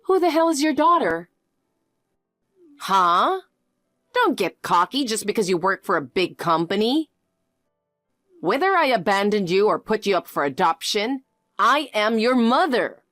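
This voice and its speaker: A woman voicing a greedy, pushy middle-aged birth mother who talks in a demanding, shrill way. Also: very animated, unhurried, long pauses, fairly bright tone, dry recording, studio quality, faint music behind. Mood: scornful. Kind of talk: animated story voice.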